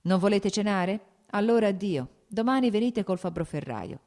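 A woman voicing a bitter, ailing man who argues in agitated, shouting outbursts, read as an audiobook character. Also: medium pitch, lively intonation, moderate pace, pitched above the performer's own voice, lightly acted. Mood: irritable.

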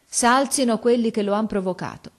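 A woman's voice: on the high side, moderate pace, voice pushed up, natural voice. A woman voicing a stern, upright male schoolteacher who scolds his pupils with indignation. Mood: stern scolding.

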